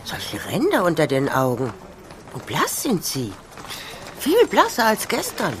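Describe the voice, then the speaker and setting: A motherly older townswoman in a horror radio play, with noise around her. Her low voice is superstitious, solicitous and foreboding. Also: huge pitch swings, unhurried, heavily acted. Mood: concerned. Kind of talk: German horror radio drama acting.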